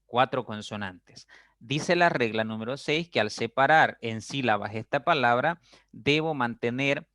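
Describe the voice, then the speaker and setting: A man's voice: medium pitch, a bit bright, no echo, clean studio sound. A male teacher giving a recorded lesson on dividing words into syllables, explaining patiently and drawing out example words syllable by syllable, with frequent check-ins to his students.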